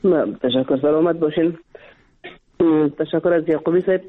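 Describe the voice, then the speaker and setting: A woman with an Afghan Dari accent, a guest calling into a radio show, making an earnest, insistent appeal and often repeating herself. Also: sits low. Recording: tinny phone line.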